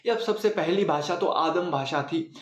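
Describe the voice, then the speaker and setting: A man's voice: fairly high pitch, unhurried, echoey room. A man teaching a casual Hindi grammar lesson, chatty, repeating words for emphasis and asking and answering his own questions.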